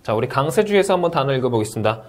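A TOEIC Speaking instructor with a medium-pitched voice races through an exam review lecture at a very fast clip. His delivery is lively and teacherly, full of "자" and rhetorical questions, and he carefully reads out English model answers.

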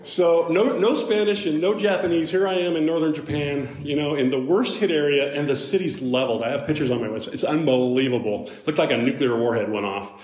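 Animated male speaker in a roomy hall. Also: fairly quick, few pauses. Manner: animated storyteller with sudden jumps up in pitch and loudness; conversational, with asides to the audience. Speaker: motivational speaker. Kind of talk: live storytelling talk to a youth audience. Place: large hall with a live audience. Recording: roomy live hall sound.

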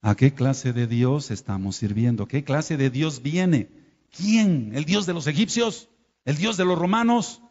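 A man with a Mexican Spanish accent preaching a sermon, firing rhetorical questions and swinging between quiet and loud. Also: on the high side, lively intonation, a little slow. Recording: dull lo-fi sound with long hall reverb.

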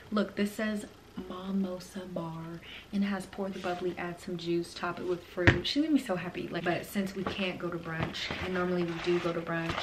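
A young woman in casual vlog chat, rambling with fillers, loud and upbeat while out, hushed at home. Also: lowish voice, far from the mic. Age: young adult. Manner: chatty, rambling, with many fillers; hushed half-whisper indoors. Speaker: vlogger. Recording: noisy phone recording.

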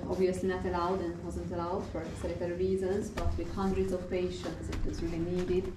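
Distant woman tour guide in echoing underground bunker. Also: on the low side. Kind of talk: guided tour talk with explanations. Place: tiled rooms of an underground bunker museum. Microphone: visitor's handheld camera, some distance away. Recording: roomy, distant, noisy underground bunker recording.

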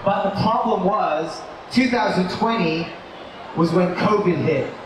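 Aussie guy rambling through a live talk at a mall expo, loud crowd noise, super echoey. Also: high-pitched, a little slow, distant mic. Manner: relaxed, rambling with fillers and restarts. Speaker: toy company co-founder giving a talk. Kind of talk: casual live presentation. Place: large indoor shopping mall expo. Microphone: distant mic on a live talk.

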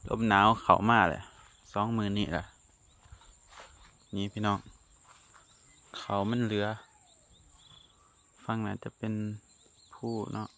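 A young man with an Isan accent, chatting to viewers as he walks through rice fields, with wind rushing over the mic. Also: fairly low pitch, steady tone, creaky, pushed and bright. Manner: chatty, addresses viewers as brothers and sisters. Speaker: vlogger. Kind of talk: casual walking vlog. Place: outdoors in windy rice fields. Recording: wind noise on outdoor mic. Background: wind, crickets and insects.

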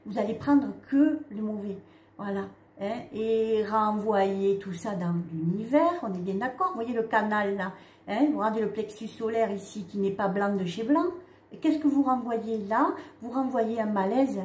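Chatty woman medium, mellow voice. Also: medium pitch. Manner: chatty, many "hein" and "d'accord" tags, halting restarts. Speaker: spiritual medium giving a card reading. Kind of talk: casual spiritual talk to viewers. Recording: echoey room with faint ambient noise.

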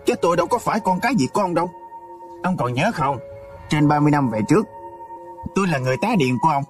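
A man's voice: fairly high pitch, lively intonation, soft background music, lightly acted. A man voicing a cold, vengeful son who talks curtly and resentfully. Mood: bitter. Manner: curt, rapid, resentful.

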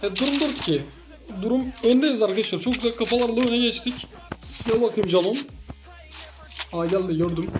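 A man giving excitable gameplay commentary as a gaming YouTuber, teasing his opponent with playful trash talk. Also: very high voice, brisk, pauses often, over music, rough recording.

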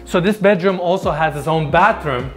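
A man's voice: fairly high pitch, normal speed, fairly bright tone, soft background music. A man in his thirties hosting a casual home tour, enthusiastic and chatty as he talks straight to viewers, on a lapel mic indoors. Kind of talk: casual walkthrough narration. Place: large indoor house basement.

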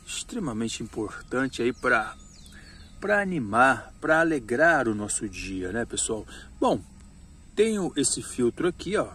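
By a roadside, a motorcycle travel vlogger in his thirties shows off his gear to an action camera set on the ground. His mid-range voice is pushed and bright with big pitch swings, and he talks slowly, chatty and repetitive, calling viewers "pessoal." There's slight background noise.

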